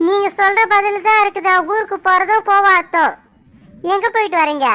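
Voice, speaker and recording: A woman's voice: very high voice, moderate pace, pushed and bright. A woman voicing a suspicious young village wife in a cartoon, accusing and insistent. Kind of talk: cartoon voice acting.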